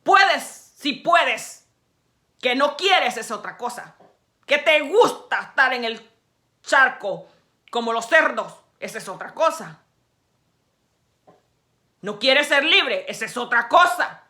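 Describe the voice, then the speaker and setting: Bright-voiced woman preaching a forceful sermon. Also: expressive, slow pace, pauses often. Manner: emphatic, exhorting the listener directly; swings between soft, low stretches and loud, raised passages.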